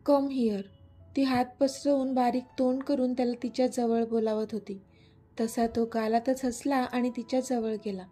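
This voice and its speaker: Soft-voiced woman narrating a romance. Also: a little high, fairly even intonation, moderate pace, soft background music. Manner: soft, gentle storytelling. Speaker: storyteller. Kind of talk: scripted narration.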